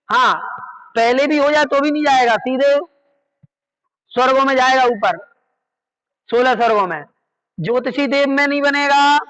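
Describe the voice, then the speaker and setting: On a muffled recording, a man with an extremely high, slightly bright voice explains Jain scripture in a slow class. He patiently repeats key terms and makes sure his listeners are keeping up.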